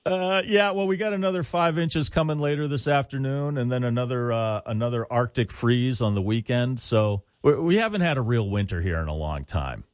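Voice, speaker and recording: A man's voice: medium pitch, lively intonation, fairly quick, hardly any pauses, clear, resonant tone, dry recording, studio quality. A man hosting a casual radio interview in a conversational way.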